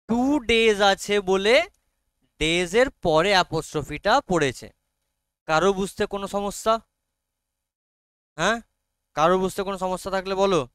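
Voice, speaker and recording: A man's voice: sits high, fairly bright tone, clear, resonant tone, no echo. A man with a Bengali accent teaching a grammar lesson to a class, often stopping to check that students follow. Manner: frequent check-ins with students.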